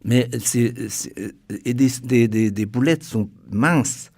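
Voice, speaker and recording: A guest author from China, being interviewed on radio, speaks French with a Chinese accent, stopping and restarting many times. He has a medium-pitched, somewhat mellow voice.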